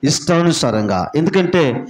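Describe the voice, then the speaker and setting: A man's voice: on the high side, sing-song, normal speed. A man pastor preaching a sermon with emphatic lists and call-and-response questions in a church prayer hall.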